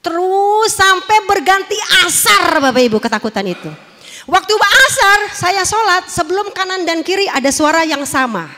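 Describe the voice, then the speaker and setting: A woman giving an animated, emotional church testimony to a congregation. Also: very high voice, moderate pace. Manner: animated, emotional storytelling addressing the audience. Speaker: testimony speaker. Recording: long reverb of a large hall.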